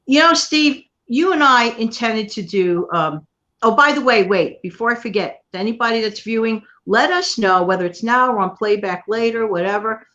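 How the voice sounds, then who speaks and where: A woman from New York City hosting a casual livestream chat, talking warmly and at length to her viewers and co-host. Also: fairly high pitch, muffled recording. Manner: chatty, warm thanks to viewers and co-host. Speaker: channel host.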